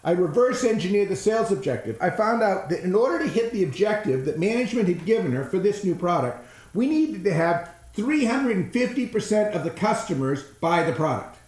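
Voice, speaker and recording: A man giving an energetic, blunt, folksy presentation on innovation, sometimes swearing for emphasis. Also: high voice, brisk, echoey room. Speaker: innovation trainer.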